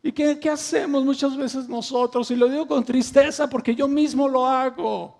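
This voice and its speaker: High-voiced gravelly male preacher. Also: steady tone, moderate pace, darkish tone. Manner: impassioned preaching, swelling to emphatic peaks; rhetorical questions to the congregation. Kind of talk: sermon.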